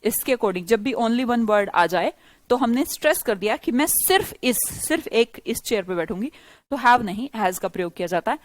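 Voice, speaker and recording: A woman from India teaching an English grammar class live, explaining lively and teasing her students with quick questions. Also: fairly high pitch, no room sound.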